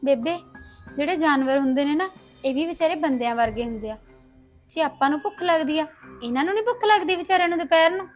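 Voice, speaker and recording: A young actress playing a gentle, dutiful stepdaughter, speaking softly and pleadingly with a Punjabi accent. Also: female voice, sits high, animated, fast talker, faint music behind. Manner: soft, pleading, obliging.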